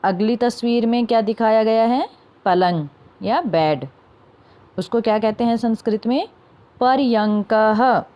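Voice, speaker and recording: A young woman teaching a class of children, sounding out each word slowly and answering her own questions. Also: fairly high pitch, muffled recording. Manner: slow, careful word-by-word pronunciation drills; asks questions and answers them herself. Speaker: Sanskrit teacher.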